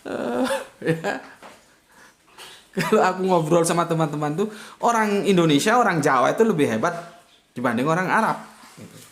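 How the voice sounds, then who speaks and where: A man's voice: a little high, animated, normal speed, long pauses, a bit bright. A man hosting a casual online religious talk, reading viewer comments with joking, teasing asides and frequent chuckles. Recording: echoey room.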